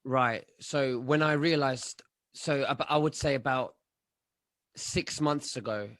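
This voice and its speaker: A man, answering interview questions in a halting way, full of fillers and restarts, over a remote call. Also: mid-range voice, fairly bright tone, no echo. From London, England. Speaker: guest, online commentator.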